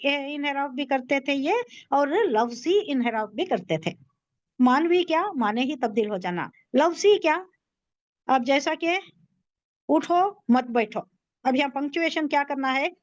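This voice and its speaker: A woman with a high voice teaches a Quran tafseer lesson, her clear as she explains words and asks herself questions. The recording is dry and a bit dull. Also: dry recording. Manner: explains terms, asks and answers own questions.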